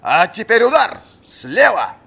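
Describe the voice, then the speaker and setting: A man reading an audiobook, voicing a gruff old male fencing marshal who barks commands at his pupil. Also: high voice, lively intonation, normal speed, voice pushed up, exaggerated voice. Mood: barking. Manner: barking, shouting commands.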